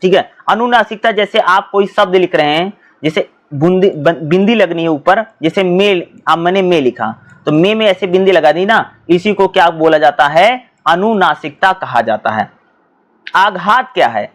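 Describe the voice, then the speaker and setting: A man's voice: sits high, normal speed. A male teacher explaining exam topics who asks questions and answers them himself and often repeats his points. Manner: often repeats himself and addresses students as bhai.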